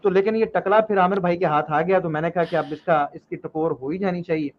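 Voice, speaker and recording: A man's voice: sits high, steady tone, fairly quick, muffled recording, slight background noise. A male panelist on a streamed discussion, making indignant remarks.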